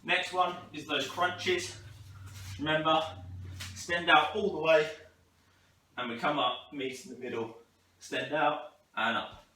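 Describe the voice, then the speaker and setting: In a roomy recording with faint noise and a distant mic, a man instructs a workout on camera, encouraging and walking people through it. His voice is fairly high and sharp-toned, with fairly even intonation and a slightly slow pace.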